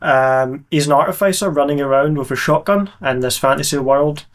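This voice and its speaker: A man's voice: on the high side, moderate pace. A man who plays on a live tabletop show, making dry, playful jokes in casual chat. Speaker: player on a live game show.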